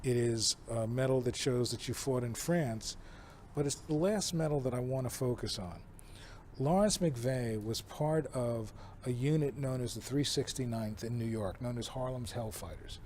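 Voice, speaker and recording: A man's voice: medium pitch, normal speed, a little mellow, a little hiss or hum. A man explaining a historical collection as a presenter, emphatically pointing out what matters. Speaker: museum presenter.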